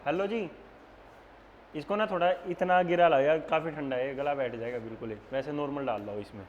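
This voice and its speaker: Man, Haryanvi accent, young adult teacher, chatty and joking, higher voice, reverberant classroom with faint noise. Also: a little fast, lo-fi sound. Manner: joking, chatty, addresses students as beta. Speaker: nursing exam coaching teacher. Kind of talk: classroom lecture with casual banter. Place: classroom with online students.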